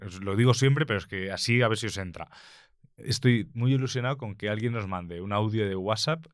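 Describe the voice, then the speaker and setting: A man's voice: fairly low pitch, fairly bright tone, clean tone, dry recording, clean studio sound. A man hosting a podcast, chatting casually in a joking, self-mocking, rambling way. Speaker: podcast host.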